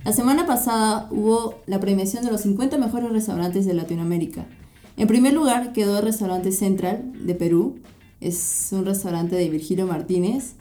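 A young woman from Peru co-hosting a casual podcast chat, relaxed and chatty. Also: mid-range voice, normal speed, soft background music. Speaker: podcast co-host.

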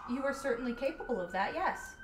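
Lizardfolk bard for a tabletop game, played by a woman: direct, formal, literal, higher-pitched, in a roomy space. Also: lively intonation, quick pace, distant mic, very noisy. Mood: frankly interested. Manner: matter-of-fact, literal, formal wording.

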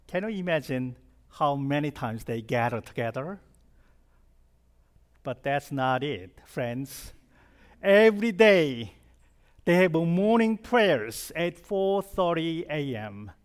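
This conversational sermon comes from a middle-aged Korean-accented pastor from South Korea whose voice is a little high. He keeps things chatty and funny, questioning the congregation as he goes.

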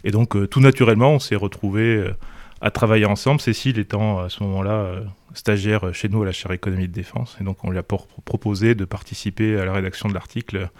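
A man speaks as a guest researcher in a fairly low voice, explaining his work with pauses and fillers. The sound is dry and close. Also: steady tone, darkish tone, no room sound. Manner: hesitant, with fillers and restarts. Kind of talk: conversational interview.

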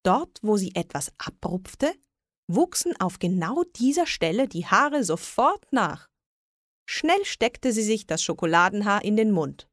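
A woman reading a children's story aloud in a slow, lilting storybook way. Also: medium pitch, sing-song, no room sound, clean studio sound.

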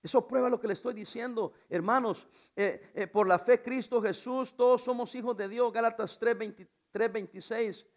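High-voiced preaching pastor, a man. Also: moderate pace. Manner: animated preaching with rhetorical questions and humor. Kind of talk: sermon.

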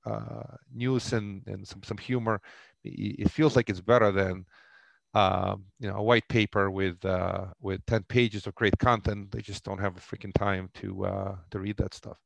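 A man from the former Soviet Union with a Russian accent, a podcast guest talking about investing in a halting way, full of restarts. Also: lowish voice, little pitch movement, vocal fry, no echo. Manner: halting, many restarts and fillers. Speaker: real estate investor guest. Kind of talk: podcast interview.

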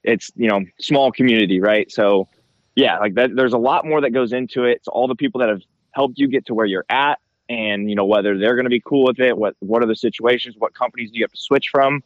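A man speaks as a racer being interviewed, informal and full of little check-in tags. His voice is mid-pitched and comes through headphones used as a mic. The sound is a little dull, with no room echo. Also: fairly quick. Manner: informal, slangy, frequent check-in tags like "right?" and "you know". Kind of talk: casual interview answers.

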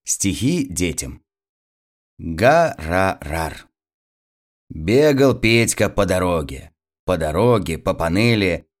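A man reading children's poems aloud in a playful, rhythmic way, raising his voice for the children's shouts. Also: sits low, animated, unhurried. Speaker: audiobook narrator.

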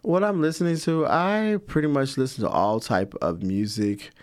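A middle-aged man, a guest in an interview, answering in a relaxed, rambling way with many fillers. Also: medium pitch, moderate pace. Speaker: guest, community organizer.

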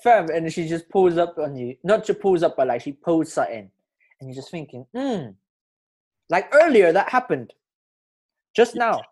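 A man's voice: fairly high pitch, very animated, normal speed, husky. A young man with a London roadman accent, bantering casually and peppering his talk with street slang. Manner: slangy, peppers talk with bruv, fam and blood.

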